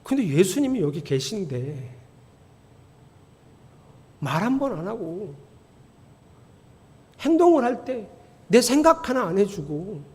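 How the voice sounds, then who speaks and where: Lively high-voiced pastor in reverberant hall. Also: male voice, slow, long pauses. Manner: animated storytelling, rising to emphatic near-shouting. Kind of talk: sermon. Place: church sanctuary. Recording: long church hall reverb.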